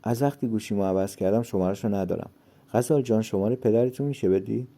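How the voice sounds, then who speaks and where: A friendly middle-aged father from a storybook, read by a man. He talks in a warm, delighted way. The voice is low, gravelly and dark. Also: lightly acted.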